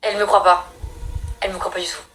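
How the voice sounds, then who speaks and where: A young woman from France, a regular storyteller, tells a scary childhood story in casual slangy chat, bursting into loud high voices. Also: steady tone, quick pace. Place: at home doing makeup.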